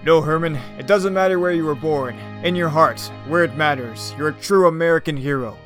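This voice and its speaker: A man's voice: fairly high pitch, brisk, fairly bright tone, soft background music, close to an everyday voice. A man playing a bombastic, patriotic space captain with earnest, overblown heroics. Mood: solemn. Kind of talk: comedy audio drama acting.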